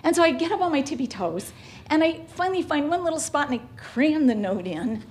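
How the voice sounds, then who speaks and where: A woman's voice: high-pitched, big pitch swings, a little fast. A woman telling a personal story on stage with a dramatic, vivid and emotive delivery.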